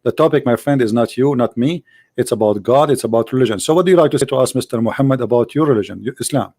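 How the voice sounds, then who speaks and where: A man's voice: mid-range voice, fast talker, darkish tone, dry recording. A man hosting a live call-in debate show, arguing insistently and repeating his points to press a caller. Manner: argumentative, insistent, repeats phrases.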